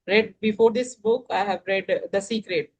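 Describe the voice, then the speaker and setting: Casting: Indian-accented woman, casual learner, halting speech full of fillers. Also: mid-range voice, low-quality recording. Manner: hesitant, many fillers and restarts. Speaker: English learner guest. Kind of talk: casual conversation practice.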